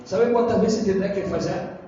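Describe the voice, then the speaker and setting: A man preaching a sermon in a very high voice for a man. He throws out rhetorical questions and slips into the voices of the people he quotes. The sound is distant and dull, with heavy church-hall echo and faint music. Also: normal speed. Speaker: pastor. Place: church meeting room.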